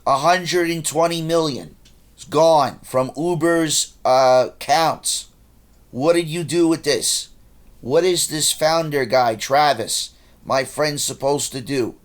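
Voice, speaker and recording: A man talking straight to camera in a rambling, agitated monologue, accusing and addressing people directly. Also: a little high. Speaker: vlogger.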